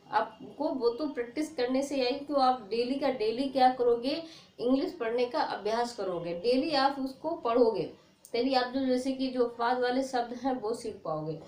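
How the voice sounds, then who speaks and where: A woman's voice: sits high, a little mellow, reverberant. A woman teaching a board lesson on pronunciation, repeating herself and quizzing her listeners with questions. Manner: repetitive, quizzing questions, slow stressed examples. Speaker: English teacher.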